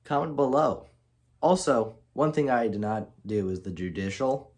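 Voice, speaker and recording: A man's voice: mid-range voice, lively intonation, normal speed, a little mellow. A man casually telling an alternate-history story as the channel's host, often restarting and correcting himself mid-sentence. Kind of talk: unscripted storytelling narration.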